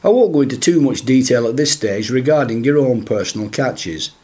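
A man with a croaky, hoarse voice from a chest cold, hosting a podcast with formal, scripted introductions and questions. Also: mid-range voice, animated, brisk, mellow. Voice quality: croaky, husky. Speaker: podcast host.

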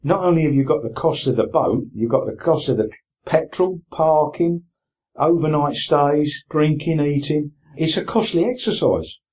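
A man's voice: on the high side, normal speed, darkish tone. A man in his sixties with an Essex accent, talking casually and plainly as an interview guest, with colloquial turns of phrase. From Essex, England. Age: 60s. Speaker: interview guest, veteran sea angler.

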